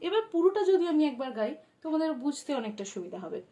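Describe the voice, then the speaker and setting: A woman teaching a song at the harmonium, singing phrases slowly and then explaining the notes quietly and quickly. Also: high-pitched, big pitch swings, soft background music. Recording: loud harmonium under the voice. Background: harmonium playing.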